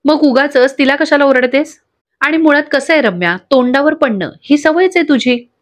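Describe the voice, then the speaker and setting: A woman voicing a sharp-tongued young woman who taunts and scolds a rival. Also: high-pitched, normal speed, natural voice. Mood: scolding.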